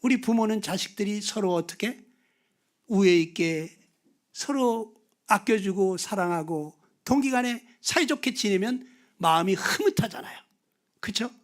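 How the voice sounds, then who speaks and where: A man preaching a revival sermon, swinging from loud exclamations to hushed whispers and prodding the audience with questions. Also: sits high, expressive, measured pace. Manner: prods the audience with questions and tag words. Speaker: guest preacher at a revival meeting.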